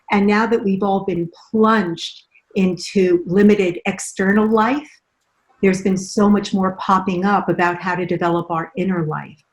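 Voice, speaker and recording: An older woman speaks in a Southern US drawl. She sounds like a practiced professional answering in a conversational interview over a video call, with her voice sitting at an average pitch. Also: rough recording. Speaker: psychotherapist guest.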